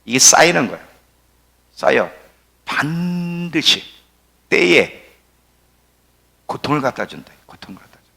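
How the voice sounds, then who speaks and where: A man in his sixties preaching a sermon as pastor, emphatic, swinging from near-shouts down to low, quiet asides. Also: very animated, moderate pace, gravelly, long pauses. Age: 60s.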